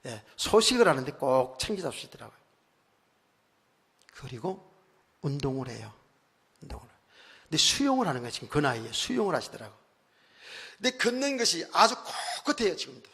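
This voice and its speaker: A male pastor preaching a conversational sermon, telling stories with frequent asides, moving from quiet remarks to loud emphatic bursts. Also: a little high, slightly rough. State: recently worn out and hoarse. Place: church sanctuary. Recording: long church hall reverb.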